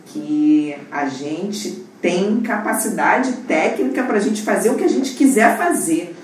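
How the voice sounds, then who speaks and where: A young Brazilian woman talks in an animated, chatty way, a little low in pitch. She sits well back from the mic in a very echoey room with a faint hiss behind her. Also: takes it slowly, distant mic. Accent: Brazilian Portuguese. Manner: animated, acts out quoted voices. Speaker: surgical resident. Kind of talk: casual podcast conversation.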